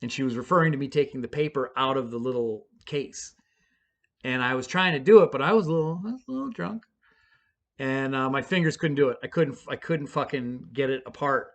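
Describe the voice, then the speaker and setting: A man's voice: medium pitch, brisk, dull audio. A middle-aged man casually telling a profane, self-mocking story, rambling with fillers and restarts. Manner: fillers and restarts, bursts of excited shouting.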